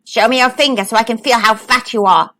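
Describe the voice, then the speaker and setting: A woman's voice: on the high side, brisk, bright, forceful tone. A woman voicing a wicked, nearsighted old witch in a storybook read-aloud, snapping orders. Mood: coaxing.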